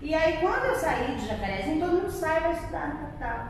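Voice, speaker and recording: A middle-aged woman speaks as a podcast guest in a high, animated voice. She sits away the mic in a strongly echoing room. Clear background noise runs underneath. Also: fast, distant mic. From Paraná, Brazil. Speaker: guest lawyer and economist. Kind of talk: podcast interview.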